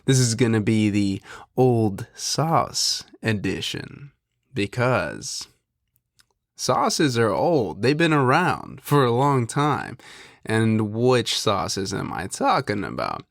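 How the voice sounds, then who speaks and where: A young man with a fairly low, stuffed-up nasal voice chats slowly and loosely, drifting from one thought to the next. He hosts a podcast, and his voice sounds close and dry with no room around it. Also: gravelly, dry recording. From Pacific Northwest. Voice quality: nasal from allergies. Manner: relaxed, rambling, drawn-out delivery. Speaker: podcast host. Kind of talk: casual podcast chat.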